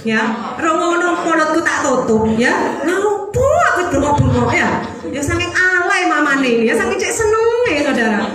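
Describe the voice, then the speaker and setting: A middle-aged woman with an East Javanese accent, preaching a sermon and telling a personal story in a lively, animated way. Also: very high voice, normal speed, over a noisy crowd. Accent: East Javanese (Surabaya). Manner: animated, lively, mixes in Javanese phrases, laughs while telling. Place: church hall. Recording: very echoey church hall.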